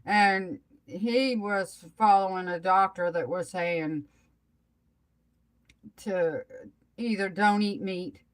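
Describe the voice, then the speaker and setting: On a live stream, a middle-aged or older woman with a mid-range voice chats casually, rambling and halting as she trails off mid-thought. The recording is rough.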